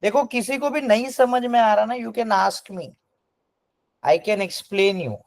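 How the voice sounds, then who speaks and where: A man's voice: high-pitched, slow, gravelly. A man with an Indian accent teaching a class, mixing Hindi and English and cheering on his students. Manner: lively, praising students, Hindi-English mix. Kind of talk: classroom lecture.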